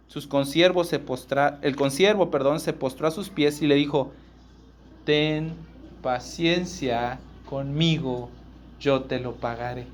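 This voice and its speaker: Emphatic Mexican preacher, slightly high voice. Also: male voice. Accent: Northern Mexican. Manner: emphatic, repeats key words, checks in with "ok?". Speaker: pastor. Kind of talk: sermon.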